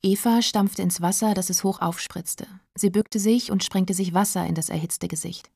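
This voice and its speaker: A woman narrating a story aloud in a calm, even audiobook reading. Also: mid-range voice, normal speed, creaky, husky, no room sound, studio quality.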